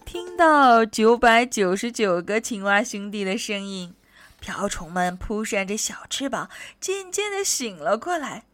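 A woman reading a children's picture book aloud in an expressive, playful way. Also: medium pitch, measured pace, no room sound, soft background music. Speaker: storyteller.

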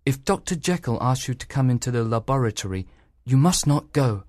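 A man's voice: on the high side, expressive, moderate pace, no echo, clean studio sound. An actor playing a frightened, polite male servant in an audiobook, anxious and respectful, calling others sir. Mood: hushed urgent. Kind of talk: audiobook drama reading.

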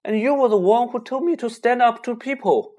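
A man's voice: very high-pitched, brisk, a little mellow, voice pushed up. A man voicing a nervous but defiant schoolboy in a raised, flustered voice.

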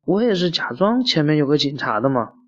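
Guy doing an eager little schemer boy, higher voice, dull lo-fi audio. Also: very animated, a little fast. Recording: muffled lo-fi recording.

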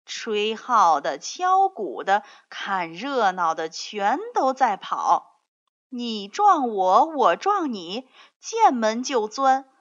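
A woman reading a children's picture book aloud, telling the story slowly and expressively. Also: fairly high pitch, very animated, a bit bright. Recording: dull lo-fi recording.

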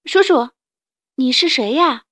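A woman reading a storybook and voicing a cheerful, trusting young male tyrannosaurus who talks bright and eager. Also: high voice, lively intonation, measured pace, voice pushed up.

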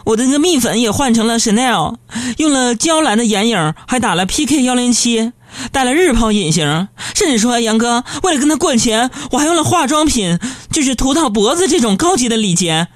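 A man's voice: very high-pitched, animated, fairly quick, no echo, voice pushed up. A man voicing an exasperated young woman coworker who rattles off a long complaint. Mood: indignant.

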